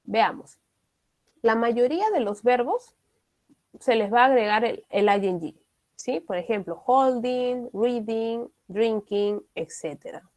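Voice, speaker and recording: A woman's voice: fairly high pitch, takes it slowly, a little mellow. A woman, teaching an online English class. She explains step by step and often checks in with her students.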